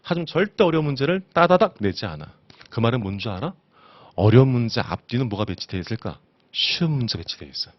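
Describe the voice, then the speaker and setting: A man's voice: medium pitch, expressive, fast, no echo, dull audio. A man teaching an exam-prep lecture, constantly asking his students rhetorical questions. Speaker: instructor.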